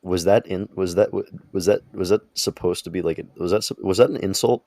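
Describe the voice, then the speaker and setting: Very deep-voiced young man, rambling chat. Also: steady tone, brisk, warm tone, dry recording. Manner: rambling, stammering restarts. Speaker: podcast co-host. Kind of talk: casual chat.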